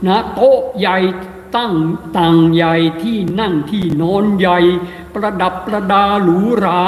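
Male monk, sermon, emphatic scolding tone, slow delivery, roomy echoing hall. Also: high-pitched. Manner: emphatic and scolding, with frequent short tag particles. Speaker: Buddhist monk giving a sermon. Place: Buddhist center hall.

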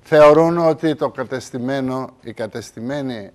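A man hosting a TV talk show, brisk and quick to cut his guests short. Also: medium pitch, a little mellow. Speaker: TV host. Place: TV studio.

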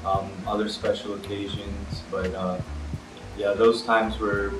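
Easygoing low-voiced young man, echoey kitchen. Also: little pitch movement, measured pace. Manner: easygoing, hesitant with many ums. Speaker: guest, host's brother. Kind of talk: casual Q and A chat while eating. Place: home kitchen, indoors. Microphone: camera across the table. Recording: roomy kitchen sound, mic at a distance, music under. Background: background music.

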